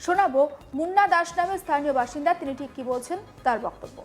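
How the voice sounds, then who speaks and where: A woman's voice: high-pitched, fast talker, soft background music. A woman news anchor, presenting a news report.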